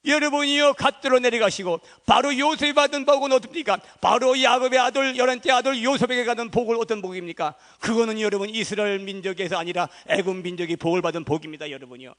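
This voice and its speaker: A man's voice: very high-pitched, quick pace, few pauses, fairly bright tone. A man preaching a Sunday sermon as pastor, emphatic and repetitive, acting out the speech of biblical figures. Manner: emphatic preaching, acts out the prophets' words in dialogue. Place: church service.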